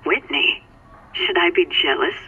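A woman's voice: on the low side, measured pace, pushed and bright, a little hiss or hum. An actress playing a flirtatious, cocky female cat burglar in a video game, with a coy teasing purr through a telephone filter. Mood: sly, flirtatious. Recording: tinny filtered phone line.

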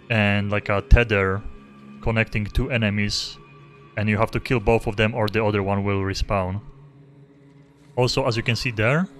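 A young man giving casual, rambling live commentary as he streams a game, close to a desk microphone. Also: on the low side. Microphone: close desk microphone without pop filter. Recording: faint game music behind.

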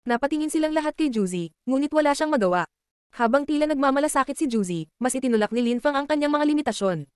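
Fast high-voiced woman narrator. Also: smooth, dry recording, clean studio sound. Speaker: audiobook narrator. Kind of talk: fast web-novel narration.

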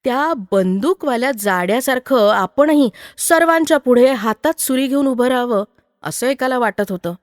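A woman storyteller reading a written story aloud in a measured, expressive way. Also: sits high, no room sound, studio quality, long reverb tail. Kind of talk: scripted story narration.

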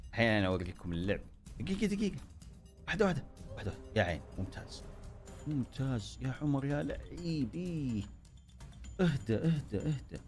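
A man giving excitable commentary over his own gameplay, cheering himself on and joking with his viewers. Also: mid-range voice, fast talker, pauses often, soft background music. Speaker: gaming YouTuber.

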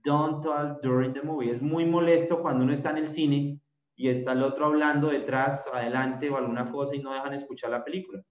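A man teaching an English class over a video call, repeating short phrases slowly so the students can copy them. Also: medium pitch, fairly even intonation. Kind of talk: virtual class instruction. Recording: echoey room, dull lo-fi sound.

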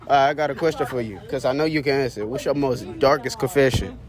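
A man's voice: mid-range voice, fast talker. A teenage boy hosting a playful street interview at a school, asking questions on a handheld phone. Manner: playful, loud banter. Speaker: host. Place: school hallways and grounds. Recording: noisy crowd around.

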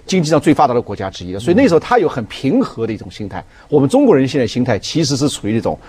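Very fast-talking, husky male commentator. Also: mid-range voice, big pitch swings, a little mellow. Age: middle-aged. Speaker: talk show guest. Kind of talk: casual commentary. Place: TV studio at a table.

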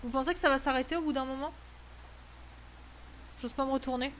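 A woman's voice: sits high, steady tone, a little fast, fairly bright tone, slight background noise. A woman streaming a horror game, frightened and tense, swearing and then apologizing. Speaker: gaming streamer. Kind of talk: horror game let's play.

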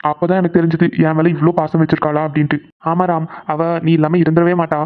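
A woman's voice: low voice, level tone, fast talker. A woman who voices the characters of her cartoon channel and talks to viewers in an easygoing way. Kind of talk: cartoon voice acting and chat to viewers. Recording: dull lo-fi recording.

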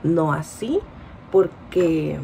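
A woman's voice: low voice, animated, very slow, vocal fry, background noise. A woman in her forties with a Mexican Spanish accent, chatting informally to a phone camera held close for her vlog. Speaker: vlogger. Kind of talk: casual vlog chat to camera.

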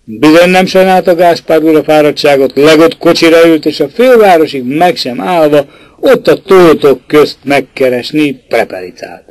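A man's voice: lively intonation, darkish tone, no room sound, rough recording. Man reading a classic novel aloud. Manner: voices the characters in dialogue with pitch shifts. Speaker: audiobook narrator. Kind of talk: literary audiobook reading.

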